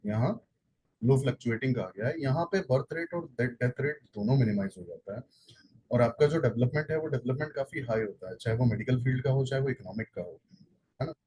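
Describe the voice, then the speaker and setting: Speaking fairly quickly in a medium-pitched, slightly mellow but slightly rough voice, an Indian-accented man delivers an exam-prep lecture in a mix of Hindi and English. He works through the material step by step, repeats points, and corrects himself with fillers, and the recording is rough.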